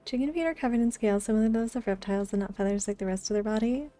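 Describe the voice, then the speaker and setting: Speaking very fast in a fairly high, warm voice, a woman streams a game live and chats casually with her viewers. She's friendly and greets them by name, with game music in the background.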